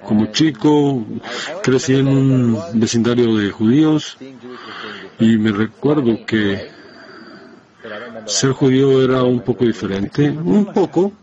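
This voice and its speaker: A man talks slowly through a spoken testimony, pausing often and circling back to restart his phrases. His voice sits at a middle pitch. The recording sounds muffled and lo-fi. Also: dark tone. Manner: halting, hesitant, many restarts. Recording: dull lo-fi sound.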